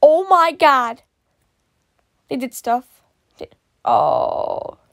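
A woman casually reacting to fan art, excitable and giggly, gasping and exclaiming often. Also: high voice, drawn-out words, dry recording.

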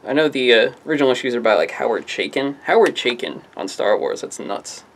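Brisk and sing-song, with a mid-range, slightly bright voice, a man at a comic shop chats through new comics for the camera over slight background noise. He rambles offhandedly, cracks self-mocking jokes, and often tails off with "I don't know."

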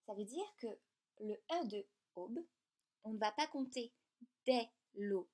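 A woman teaching a lesson in a clear, patient, step-by-step way. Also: fairly high pitch, lively intonation, measured pace, darkish tone. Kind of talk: explanatory lesson.

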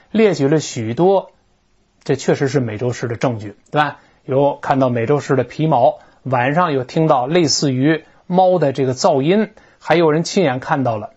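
A teacher explains grammar in a lively, swooping voice, slowing down to stretch out words as examples. The sound is dull and lo-fi, without crisp highs. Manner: animated, explanatory, drawing out words to model pronunciation. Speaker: English teacher. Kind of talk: recorded grammar lecture. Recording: dull lo-fi recording.

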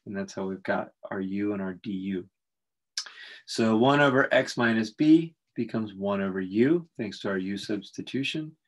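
A man with a lowish voice walks through calculus steps for his students. He explains in a relaxed, thinking-aloud manner, pausing on fillers as he goes. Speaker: math instructor. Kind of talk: recorded calculus lecture.

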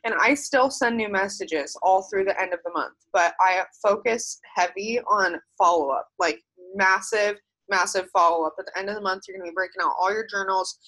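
A woman's voice: medium pitch, normal speed, hardly any pauses, fairly bright tone, low-quality recording. A young woman giving a casual, emphatic motivational coaching talk to her sales team on a video call, often saying "like". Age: young adult. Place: seated by a house door on a video call.

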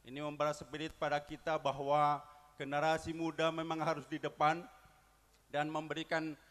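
A man's voice: on the high side, monotone, moderate pace, a bit bright. A man giving a formal public speech at a community gathering, ceremonious and leading the crowd in call-and-response chants. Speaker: guest speaker at a community gathering.

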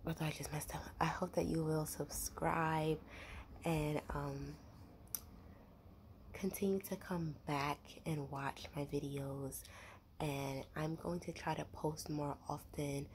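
Low, soft-voiced young woman rambling ASMR. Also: fairly even intonation, slow, slight background noise. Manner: whispery, many fillers, chewing gum. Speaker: ASMR creator.

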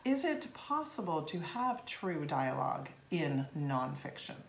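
A woman's voice: deep voice, very animated, measured pace, creaky. A woman co-hosting a podcast, chatting casually and leading the discussion. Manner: conversational, reads quotes aloud. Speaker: podcast co-host. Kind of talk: casual chat. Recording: echoey room with faint ambient noise.

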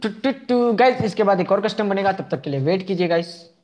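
A man's voice: sits high, animated, fairly quick, darkish tone. A young man hosting a casual live game stream, chatting with viewers, repeating himself and asking for likes. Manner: chatty, answers viewers' chat messages one by one.

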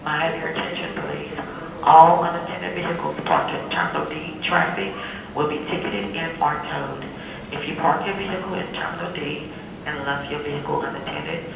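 Guy doing airport announcement, bit high, far from the mic, noisy echo. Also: creaky. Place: airport terminal over public address. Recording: echoey distant airport PA, noisy.

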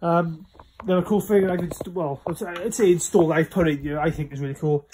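Welsh man, young adult, casual rambling chat, slightly high voice, faint room noise, handheld phone. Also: fairly even intonation, fairly quick, warm tone. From Wales. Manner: chatty, rambling with many fillers. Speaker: vlogger giving a room tour. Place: small indoor games room at home. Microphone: phone camera held in hand.

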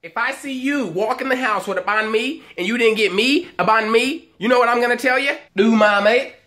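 Man, high-pitched, comedy host, mock lesson, crude jokes. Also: fairly quick, pushed and bright. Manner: crude, joking and laughing.

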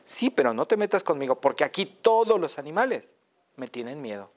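A man doing a squeaky, cocky little mouse. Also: very animated, brisk. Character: small clever boastful male mouse.

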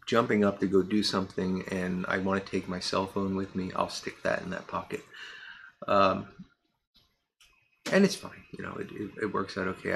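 A man in his fifties with a low, gravelly voice talks casually into a desk camera in his home workshop. He rambles candidly and restarts his sentences often. A faint room ambience sits behind him. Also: a little hiss or hum. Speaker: pipe tobacco reviewer.

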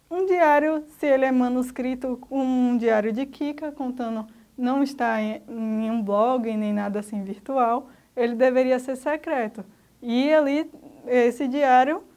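High-voiced Brazilian woman teaching children. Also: mellow. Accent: Brazilian Portuguese. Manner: patient, explaining step by step to children. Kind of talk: recorded remote school lesson.

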